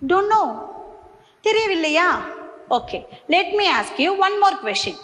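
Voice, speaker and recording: A woman teacher with a Tamil accent, giving a slow bilingual lesson to young children and repeating each line in two languages. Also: very high-pitched, sing-song, a bit bright, in a large hall. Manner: slow, sing-song questions, repeats each line in English then Tamil.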